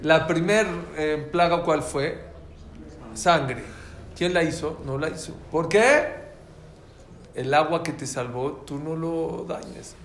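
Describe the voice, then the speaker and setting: A man teaching a lively religious class, telling stories and quizzing his listeners. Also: a little high, takes it slowly, a little hiss or hum. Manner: animated storytelling, quizzes listeners. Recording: echoey room, faint ambience.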